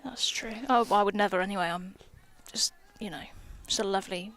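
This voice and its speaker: A woman's voice: mid-range voice, fairly even intonation, brisk, fairly bright tone. A young woman, a professional cricketer, co-commentating live cricket on a headset outdoors, chatty and teasing. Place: outdoors under a gazebo at a cricket ground.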